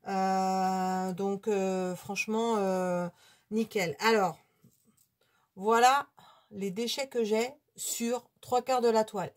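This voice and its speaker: A woman's voice: mid-range voice, a little mellow. Chatty woman hosting a hobby vlog. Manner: chatty, hesitant, many fillers. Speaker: hobby channel host. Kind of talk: casual unscripted product review.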